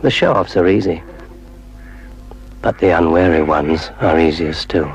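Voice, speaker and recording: An actor playing a menacing male water spirit in a public information film, speaking with slow, gloating menace. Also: soft background music. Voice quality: deep gravelly voice.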